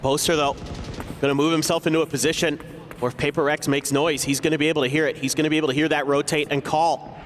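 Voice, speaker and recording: A man's voice: on the high side, little pitch movement, fast talker, a little hiss or hum. A man working as an esports caster, giving analytical match commentary in a conversational, explanatory way.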